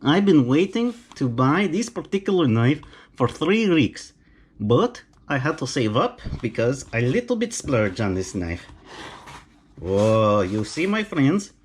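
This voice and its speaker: Here the same kind of speaker, a middle-aged knife-collector vlogger from Romania with a Romanian accent, enthusiastically talks viewers through a knife unboxing in a relaxed vlog. His mid-range voice swings widely in pitch, moves a little slowly, and carries a faint hiss or hum.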